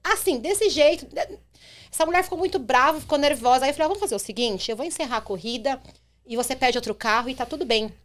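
Lively young São woman, higher voice. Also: fast talker. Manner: animated, acts out quotes in her telling. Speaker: rideshare driver guest. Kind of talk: podcast storytelling.

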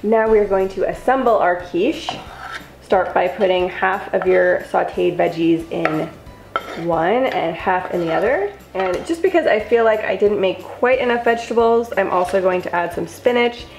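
A woman's voice: medium pitch, normal speed, gravelly, darkish tone, echoey room. Upbeat young woman walking through meal prep. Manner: upbeat, chatty, step-by-step instructions. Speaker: lifestyle vlogger. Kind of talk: cooking vlog voice-over. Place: home kitchen.

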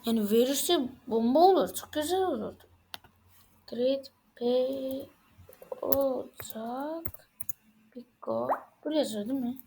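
A fairly high-voiced woman talks through a game in casual commentary. She reacts excitedly and often exclaims as things happen on screen. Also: takes it slowly, pauses often, a little hiss or hum. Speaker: game channel host.

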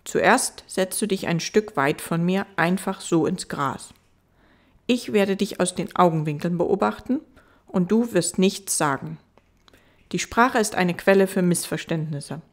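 A woman voicing a gentle, wise fox in an audiobook, earnest and patient as it explains. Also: on the low side, unhurried.

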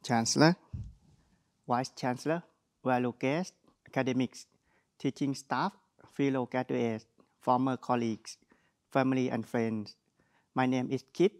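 A man's voice: mid-range voice, fairly even intonation, a little slow, pauses often. Young man, Thai accent, earnest prepared speech, mid-range voice, light humor. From Thailand. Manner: earnest, plain wording with light jokes. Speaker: graduate speaker. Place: studio with virtual backdrop.

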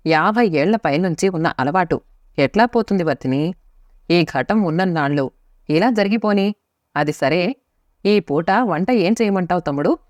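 A woman narrator voicing a gentle, elderly widowed sister who speaks in a mild, easygoing manner, in a storybook reading. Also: lowish voice, lively intonation, normal speed, dry recording, close to an everyday voice. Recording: dry, slightly muffled lo-fi recording.

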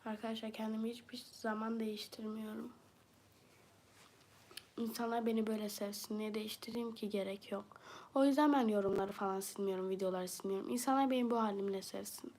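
A woman's voice: medium pitch, steady tone, brisk, a little mellow. A woman from southeastern Turkey with a southeastern Turkish accent, chatting casually on a livestream and bluntly answering viewer comments.

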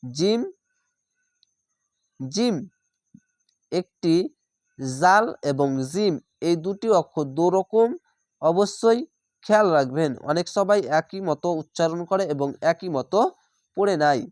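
A man with a Bangladeshi Bengali accent teaching Quran reading, spelling out letters and vowel marks one by one and then reciting slowly. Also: sits high, lively intonation, darkish tone, no room sound, clean studio sound.

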